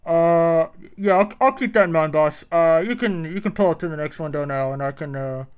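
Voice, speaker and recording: A dazed, indifferent young fast-food worker, as a man puts him on, answering through a drive-thru speaker. He stumbles through every sentence with uhs. His voice is pitched a little high, smooth and clear, and raised in volume as if heard from a distance. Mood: dazed apologetic. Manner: halting, full of uhs. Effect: tinny drive-thru speaker voice. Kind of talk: improvised podcast comedy bit.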